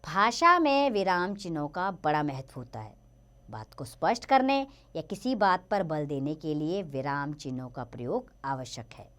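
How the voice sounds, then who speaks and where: A woman gives a children's grammar lesson in a lower, sing-song voice. Her pitch swings widely as she stresses each example sentence. She speaks in a teacherly tone to young learners. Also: big pitch swings, moderate pace, a bit bright.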